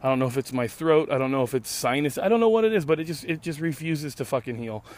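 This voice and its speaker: A hoarse podcast host in his late thirties, losing his voice, rambles sardonically and swears freely in a casual solo monologue recorded outdoors in a park. His voice sits on the high side with a dark tone, moving fast and sing-song.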